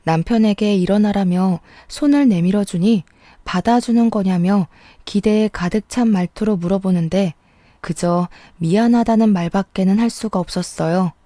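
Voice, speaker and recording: A woman narrates a scripted first-person story in a steady, matter-of-fact way, her lines to others turning sharp-tongued. Her voice is dark and mellow at a middle pitch, and the recording is dry and close. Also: normal speed, dry recording.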